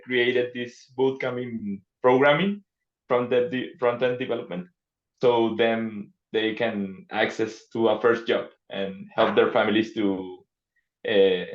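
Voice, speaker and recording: Man in an echoey room. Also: mid-range voice. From Venezuela. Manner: earnest, searching for words. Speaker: social venture co-founder. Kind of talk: casual video-call introduction. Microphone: video call. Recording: roomy, dull video-call audio.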